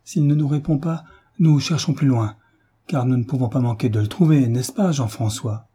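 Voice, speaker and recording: Give me a man playing a frightened young mother, urgent and anxious, in a dark, husky voice. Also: mid-range voice, normal speed.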